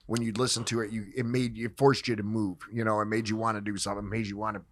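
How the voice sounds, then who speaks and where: A man's voice: fairly low pitch, level tone, fast. A man in his forties, a guitarist and songwriter, talking casually on a podcast in a rambling way and laughing often. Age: 40s.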